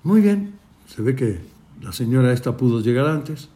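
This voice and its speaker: A man's voice: medium pitch, normal speed. Man telling a story. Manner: lively retelling with quoted dialogue and many restarts. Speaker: rabbi. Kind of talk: storytelling talk.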